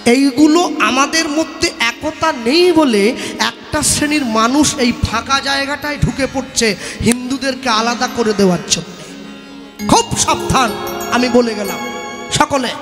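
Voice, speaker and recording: Male kirtan preacher, very high voice, fiery rhetorical sermon over sitar music. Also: a little slow. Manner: rhetorical questions, bursts of shouting, mocking asides. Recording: long hall reverb with sitar music.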